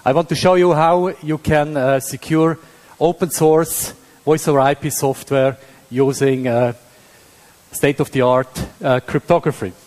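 A man from Switzerland with a Swiss German accent, giving a technical conference lecture as a professor in a halting, hesitant way. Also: a little high, steady tone, darkish tone. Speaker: university professor, conference speaker. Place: indoor hall at a tech conference. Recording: reverberant lecture hall.

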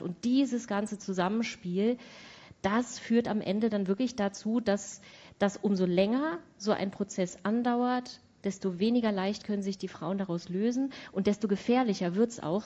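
A woman speaking as an expert on a panel, explaining in an earnest, measured way. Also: mid-range voice, dark tone. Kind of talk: panel discussion. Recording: dull lo-fi conference audio.

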